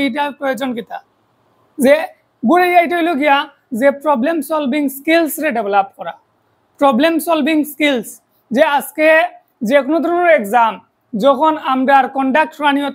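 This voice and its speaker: High husky Sylheti woman teaching math. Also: low-quality recording. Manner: explains step by step, keeps checking with rhetorical questions. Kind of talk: online video lesson.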